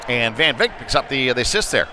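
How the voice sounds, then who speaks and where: A man calls a youth hockey game live from an indoor ice rink, his medium-pitched voice very animated and fairly quick. The play-by-play is conversational and somewhat hesitant, set against noisy, clearly audible rink ambience.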